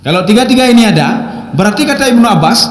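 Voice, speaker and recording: A man preaching a sermon to a congregation, lecturing in a lively way, reciting Arabic verses and often addressing listeners as "Pak". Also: sits high, quick pace, echoey room, long reverb tail. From Indonesia. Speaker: Islamic preacher.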